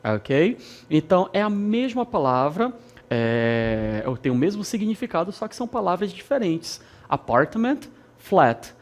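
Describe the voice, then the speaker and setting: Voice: medium pitch, big pitch swings, normal speed. An English teacher from Brazil with an Amazonas accent, giving a recorded lesson, repeating key words and checking in with "ok?" along the way. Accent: Brazilian Portuguese, Amazonas. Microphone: studio lesson recording.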